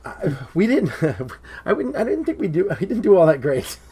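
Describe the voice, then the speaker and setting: A man co-hosts a laid-back movie talk podcast, laughing a lot and padding his speech with "um" as his voice begins to fail. His pitch sits high with big swings, at a normal speed, with a warm tone and a breathy edge.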